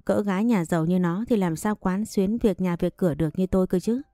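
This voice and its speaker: A woman's voice: lowish voice, brisk, mellow, dry recording. A woman narrating a first-person story and reading every character's lines in one voice. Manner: reads all characters in one voice.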